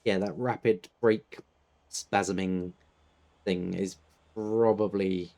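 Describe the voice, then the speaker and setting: A British man chatting casually while playing a driving game, laid-back, laughing often and clearing his throat. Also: low-pitched, steady tone, takes it slowly, darkish tone. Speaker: gaming channel host. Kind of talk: casual gameplay chat.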